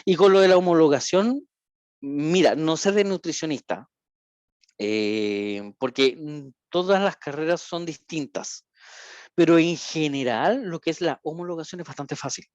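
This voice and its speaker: A man's voice: on the high side, measured pace, a little mellow, no room sound. Man explaining over a dull dry call. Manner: conversational, explaining with frequent "eh" fillers. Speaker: invited speaker, psychologist and caregiver. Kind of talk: answering a question in an online seminar.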